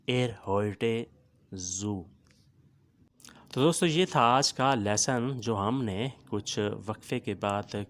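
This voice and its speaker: Patient man teaching phrases slowly, low voice. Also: fairly bright tone. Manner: patient, repeats each phrase and explains it word by word. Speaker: language teacher. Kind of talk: language lesson, repeating phrases slowly.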